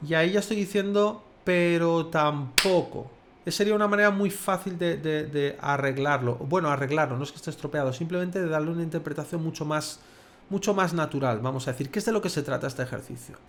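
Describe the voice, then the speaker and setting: A man's voice: a little high, a bit bright. A man from Spain with a Spanish accent, teaching songwriting in a casual video lesson, chatty and demonstrative. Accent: Spanish, from Valencia. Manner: chatty, demonstrative, sings and speaks lyrics slowly in rhythm. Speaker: music theory teacher.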